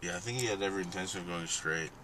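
A man's voice: deep voice, rapid-fire, bright, forceful tone. A young man chatting casually, with a dry, grumbling way of talking. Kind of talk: casual chat. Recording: noisy handheld camera audio.

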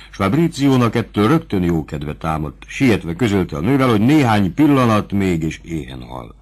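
Brief: male narrator, low voice, measured literary reading. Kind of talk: audiobook reading of a classic novel.

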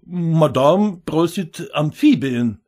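A polite foreign porter speaks slowly and haltingly, in broken phrases, as a male narrator puts him on. He stays patient and calm, and his voice sits fairly high. This is a storybook reading.

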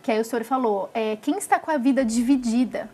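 Brazilian woman, young adult, high voice, earnest emotional testimony, interview setting. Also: fairly quick, a little mellow, slight background noise. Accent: Brazilian Portuguese. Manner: earnest and emotional, tag questions. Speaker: former samba dancer giving testimony.

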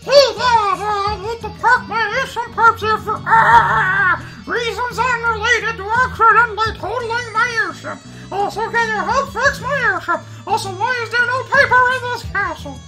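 Casting: sheepish young game monster prince, extremely high squeaky voice, music underneath. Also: male voice, moderate pace, low-quality recording. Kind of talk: cartoonish video game voice-over.

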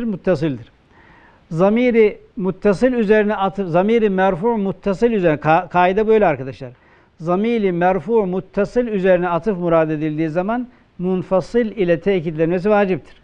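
A man with a Turkish accent, a religious teacher giving a classroom grammar lecture, who poses questions and answers them himself, and slows down to quote texts. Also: high voice, clean tone, muffled recording. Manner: asks questions and answers them himself, slow emphatic quoting.

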